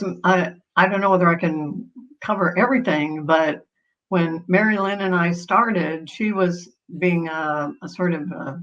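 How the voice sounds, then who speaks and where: A woman's voice: fairly low pitch, fairly bright tone, muffled recording. A woman guest in an interview, answering thoughtfully with small hesitations and restarts. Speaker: guest, patterns author.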